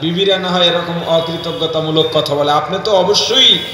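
High, piercing preacher with booming echo. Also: male voice, normal speed, a crowd in the background. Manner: scolding, emotional sing-song delivery. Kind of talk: open-air sermon. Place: outdoor field gathering. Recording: booming echoey PA outdoors.

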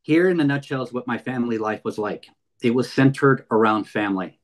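This is a man in his fifties, a San Fernando Valley native, appearing as a guest speaker in a webinar over video call. He talks briskly at a medium pitch, earnest and heartfelt, stumbling through frequent fillers and restarts.

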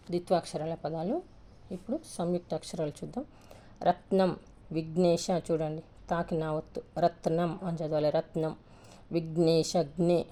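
Woman, teacher, slow deliberate word-by-word reading, gravelly, low pitch. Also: warm tone. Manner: slow, deliberate, reads each word separately with pauses. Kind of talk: reading a word list for a Telugu reading lesson.

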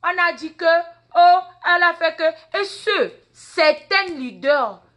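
Speaking slowly in a very high, sharp, animated voice, a Mina woman in her forties with a Mina accent lectures her online followers. The social media personality streams a live phone video from a large indoor waiting room with the phone at arm's length, and her impassioned talk keeps repeating words and questions.

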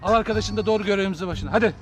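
A man's voice: high-pitched, very fast, a bit bright, faint music behind. An actor playing a stern male army officer who barks short orders in a TV sitcom. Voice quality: curt, clipped orders.

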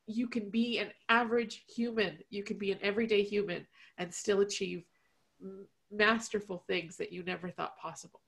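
A woman's voice: mid-range voice, creaky. A woman on a video call sharing a heartfelt personal story in an earnest, emotional way. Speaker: team leader sharing at a healing session.

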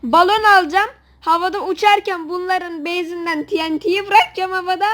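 A woman commentating a video game with a friend, excitable and joking, swearing playfully. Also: very high-pitched, fairly quick. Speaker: gamer host. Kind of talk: casual gameplay commentary.

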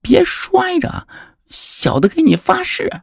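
Frantic servant guy begging his young master, squeaky and pushed high, man putting it on. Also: big pitch swings, slow pace, creaky, no echo, exaggerated voice. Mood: pleading. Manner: high, pleading, urgent.

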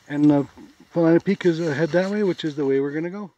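Man, american accent, casual hiking narration, outdoors, slightly high voice, dull camera audio. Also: quick pace, dark tone. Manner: easygoing, plain, pointing out sights. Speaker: hiker filming a trail video. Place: outdoors on a forest trail.

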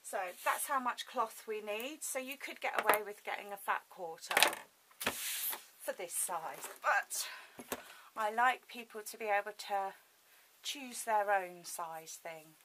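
At a home sewing table, a woman speaks slowly but animatedly at medium pitch while leading a hands-on sewing tutorial and thinking out loud. Her articulation is toothless, lips drawn over her teeth, and the home recording hisses.

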